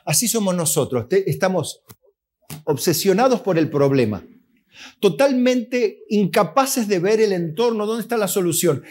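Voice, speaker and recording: This is an Argentine man, a pastor delivering a sermon in a lively, conversational way. His voice sits a little high for a man, and he keeps asking his listeners questions before answering them. Now and then he slips into acted-out voices of God and of believers complaining. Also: normal speed. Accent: Argentine Spanish. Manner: asks the congregation questions and answers them himself.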